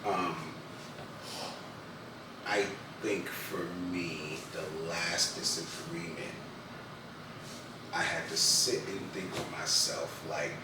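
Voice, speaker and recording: A man in casual chat, speaking in a relaxed, thoughtful way. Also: low-pitched, takes it slowly, long pauses. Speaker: guest answering a couples card question. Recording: echoey room from a distant mic, with background noise.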